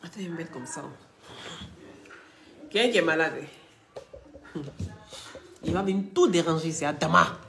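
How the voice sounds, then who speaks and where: A woman with a head cold, ranting loudly on a live stream, teasing and scolding. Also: sits low, moderate pace, pauses often, roomy sound, background noise. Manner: talks loudly, teasing and scolding, often laughing. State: head cold, blocked ears. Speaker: live streamer and gossip commentator. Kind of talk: casual live-stream rant.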